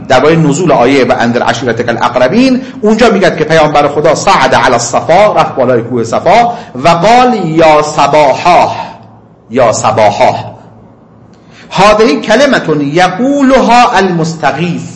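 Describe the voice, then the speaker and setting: A man giving a seminary lecture, reading Arabic passages slowly and then explaining them in casual, conversational speech. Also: a little high, roomy sound. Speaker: religious teacher.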